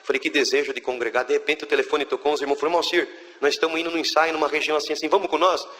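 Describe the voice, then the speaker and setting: A high-voiced man with a Brazilian Portuguese accent tells a religious testimony with fervor, speaking quickly and acting out what each person said. His tone is bright and forceful. The sound carries the long echo of a church hall. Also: flat delivery. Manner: fervent storytelling, quoting others' words. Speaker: church member giving testimony.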